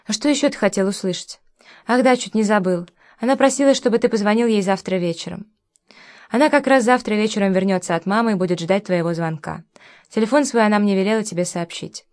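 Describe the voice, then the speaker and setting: A woman's voice: mid-range voice, fast talker, darkish tone, natural voice. Easygoing grown man, chatty, conversational, read by a woman, audiobook dialogue. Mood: reassuring. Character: easygoing adult man, chatty and a bit defensive.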